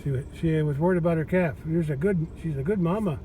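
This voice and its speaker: A man's voice: a little high, fast talker, warm tone. A man thinking aloud in a casual vlog as he does farm chores outdoors, rambling in a folksy way and repeating himself. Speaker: farmer narrating his own chores. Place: outdoors on a farm, partly around a vehicle. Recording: noisy outdoor recording, vehicle noise.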